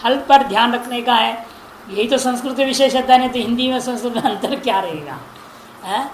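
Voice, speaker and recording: A man teaching Sanskrit grammar in a classroom lesson, chanting word forms slowly and correcting pronunciation with repeated examples. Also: very high voice. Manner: recites word forms in slow drawn-out chants. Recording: echoey room with faint noise.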